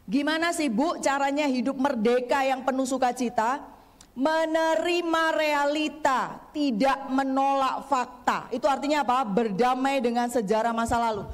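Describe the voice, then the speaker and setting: A woman guest pastor giving a chatty, humorous sermon in a church, often turning to speak straight to the congregation. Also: on the high side. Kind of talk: conversational sermon. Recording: long church hall reverb.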